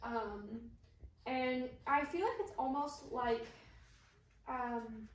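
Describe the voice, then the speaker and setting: A woman's voice: a little high, extremely slow, slight background noise. A young woman with a Midwestern accent giving a casual class presentation, chatty and hesitant, with many fillers and self-deprecating asides. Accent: Midwestern American. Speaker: student presenter. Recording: echoey room, mic far off.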